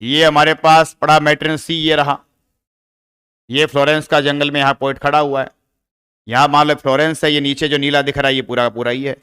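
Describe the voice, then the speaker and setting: A man's voice: a little high, level tone, brisk, pushed and bright, clear, resonant tone. A man teaching a poem in a lesson, asking his class questions and then answering them himself. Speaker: English literature teacher.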